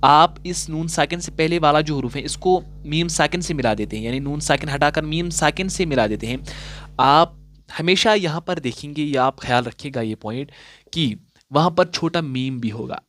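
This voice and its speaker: A man teaching Quran recitation rules in a patient classroom style, asking questions and answering them himself, and slowing down to recite example verses. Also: fairly high pitch, fairly bright tone, a little hiss or hum. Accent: Urdu-inflected Hindustani. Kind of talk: classroom-style tajweed lesson.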